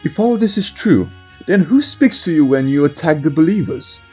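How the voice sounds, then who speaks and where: A man's voice: fairly high pitch, lively intonation, moderate pace, warm tone, slightly rough. A man delivering scripted video game lore narration as a storyteller, with irreverent joking asides. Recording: muffled voice over faint music.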